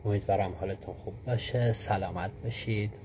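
A man's voice: fairly low pitch, steady tone, background noise. A man hosting a live stream who greets viewers one by one and patiently explains answers to their questions, with frequent fillers. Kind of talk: casual live-stream teaching.

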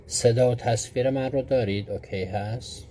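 A man's voice: medium pitch, steady tone, mellow, slight background noise. A man hosting a live stream who greets viewers one by one and patiently explains answers to their questions, with frequent fillers. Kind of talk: casual live-stream teaching.

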